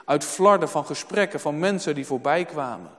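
A man's voice: fairly high pitch, expressive, moderate pace. A man preaching a sermon in a church, emphatic and repeating words for weight. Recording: long hall reverb.

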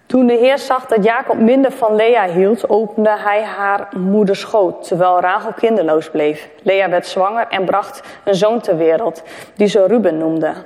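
A woman's voice: medium pitch, a little slow, darkish tone. A woman reading scripture aloud, hesitant, with fillers and restarts. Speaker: reader. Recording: long echoing reverb of a hall.

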